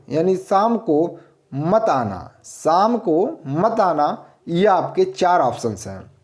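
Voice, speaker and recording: A man teaching grammar at an unhurried pace. His pitch rises and falls a lot as he poses a question and then answers it himself. He repeats each answer so students can follow. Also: darkish tone. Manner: explains slowly, repeats answers, asks and answers own questions. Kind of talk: grammar lesson.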